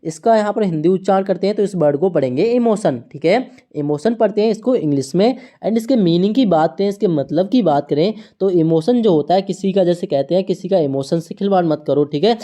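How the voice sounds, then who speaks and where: A woman runs an online English lesson, her voice mellow and low-set. She spells each word out letter by letter and keeps checking in with the students. Her pace is slow and repetitive, the way a patient teacher drills beginners. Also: lively intonation.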